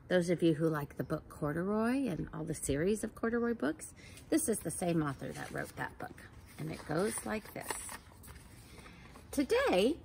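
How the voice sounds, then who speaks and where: Out on a backyard patio beside a wooden fence, a woman in her forties reads a children's picture book for storytime. Her fairly low voice has vocal fry, and she's unhurried yet very animated, sing-song as she sounds out letters and gasps for effect. A faint hum of outdoor air lies underneath.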